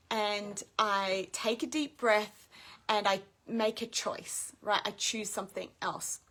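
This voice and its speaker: High-voiced upbeat woman coach. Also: fairly bright tone. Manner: upbeat, explains step by step, acts out examples. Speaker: parent coach. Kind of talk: live video teaching.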